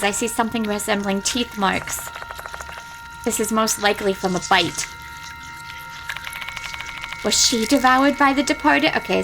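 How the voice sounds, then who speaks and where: A woman's voice: on the high side, low-quality recording. A woman game streamer who reads story text aloud dramatically and breaks off into casual, blunt, sweary commentary. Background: game music behind the voice.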